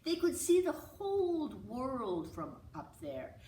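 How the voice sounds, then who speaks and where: A woman author reads a children's picture book aloud in a high-pitched voice at a slow pace, expressive and dramatic, with small asides to her listeners. The recording is roomy, from a distant mic with hiss.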